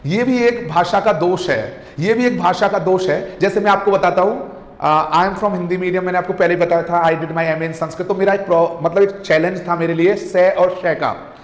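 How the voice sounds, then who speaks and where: Indian guy teaching a speaking class, highish voice, repeats stuff a lot, lots of reverb. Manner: emphatic, repeats words, rhetorical questions; mixes Hindi and English. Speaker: communication coach. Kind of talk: online class lecture. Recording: echoey room with long reverb.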